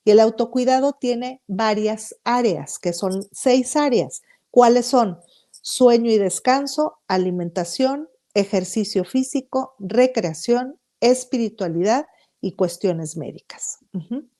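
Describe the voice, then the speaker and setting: Mexican woman, podcast psychologist guest, warm mellow tone, upbeat and emphatic. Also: a little high, takes it slowly. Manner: upbeat, emphatic, explains point by point. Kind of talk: podcast interview.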